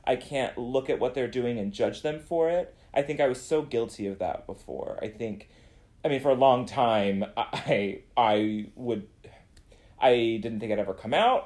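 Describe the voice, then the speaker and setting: A podcast co-host with a medium-pitched, slightly mellow voice chats casually, earnest and reflective, and often pauses to search for the right words.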